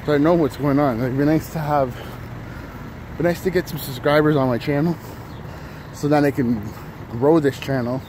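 A man in his thirties, a vlogger, speaks at normal speed in a fairly high voice while walking a city street early in the morning. His casual talk rambles with many fillers and restarts, and he's a little out of breath. The recording is phone audio from arm's length, with traffic and city noise around him.

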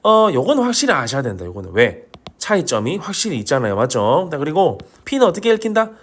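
A man's voice: on the high side, brisk. A man with a Korean regional dialect teaching Vietnamese pronunciation in an online lesson, repeating each sound as a drill and joking along the way. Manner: lively, drills sounds by repeating them, jokes and apologizes.

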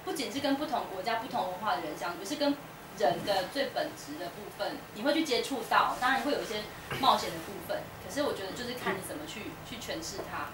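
A woman's voice: mid-range voice, animated, quick pace, a crowd in the background. A woman giving a casual public talk at a bookstore, chatty, with many fillers and restarts. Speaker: guest speaker at a bookstore talk. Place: indoor bookstore event space. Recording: roomy echo, distant mic, noisy room.

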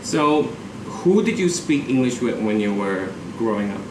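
A man's voice: medium pitch, very animated, moderate pace. Eager male interviewer in an echoey room. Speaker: show host, interviewer. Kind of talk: friendly interview questions. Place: living room, seated on a sofa indoors. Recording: roomy, distant, noisy air conditioning.

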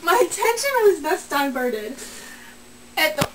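In a small bedroom indoors, a young adult woman reads a comic story aloud, giggling and breaking into laughter. Her voice is high and sing-song at a measured pace. A handheld camera a short way off picks her up, so the mic sounds distant with noticeable room noise.

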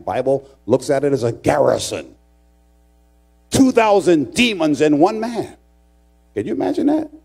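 A man's voice: medium pitch, dark tone, slightly rough. A middle-aged man preaching a sermon in church, dramatic and joking with his congregation. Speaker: pastor. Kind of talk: sermon with humorous storytelling. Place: church sanctuary.

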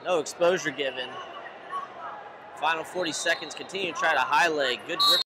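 A man giving steady play-by-play commentary on a wrestling match in a large indoor hall. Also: a little high, moderate pace. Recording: arena noise behind. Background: crowd and arena noise.

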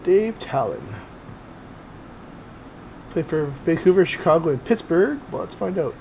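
Guy doing casual card break commentary, slightly high voice, kinda mutters to himself, bit of room noise. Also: very animated, a little slow, vocal fry, dull audio. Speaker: host of sports card box breaks. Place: small indoor home office full of cards. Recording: noisy room, camera on desk.

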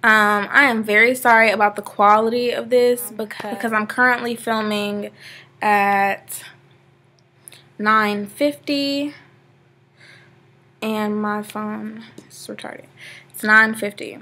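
This eighteen-year-old Georgia vlogger has a mid-range, bright, forceful voice with fairly even intonation, speaking slowly and pausing often, with a little hiss or hum in the audio. She rambles chattily from her living room sofa, full of "like," in a close-framed laptop webcam shot.

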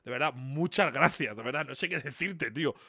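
A man in his twenties chatting casually on a live stream, chatty and incredulous, with loud outbursts. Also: mid-range voice, brisk, vocal fry, breathy edge, no room sound, clean studio sound. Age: 20s.

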